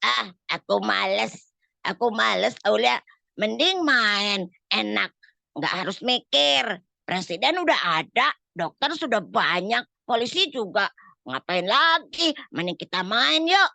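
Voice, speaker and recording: A woman's voice: medium pitch, expressive, unhurried, sharp tone, no echo, heavily acted. A woman voicing a lazy, teasing boy in a storytelling session for children, cheeky and whiny. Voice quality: gravelly. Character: naughty, lazy boy who teases others.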